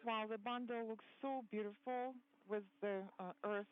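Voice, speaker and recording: A woman's voice: a little high, fairly even intonation, moderate pace. A woman on a crackly space-to-ground radio link, giving brief, matter-of-fact call-outs. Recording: narrow noisy radio transmission.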